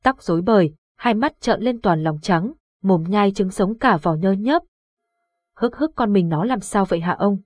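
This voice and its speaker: A woman reading the lines of a terrified, sobbing mother begging for help in a horror audiobook, with a husky voice. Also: mid-range voice, lively intonation, measured pace, dry recording. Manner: frantic, tearful.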